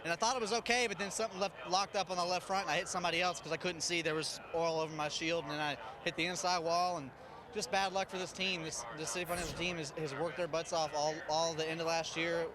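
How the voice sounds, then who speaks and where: A man's voice: on the high side, steady tone, fast talker. A man, a racing driver, giving a rambling, matter-of-fact account in a trackside interview. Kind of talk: unscripted post-crash interview. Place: outdoors at a racetrack. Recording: crowd and vehicle noise behind.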